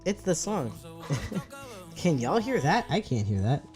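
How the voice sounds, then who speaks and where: Over music, a young man talks casually to his live-stream chat, very animated yet taking it slowly. He rambles and curses freely while working on his setup, in a medium-pitched voice that is neither deep nor high.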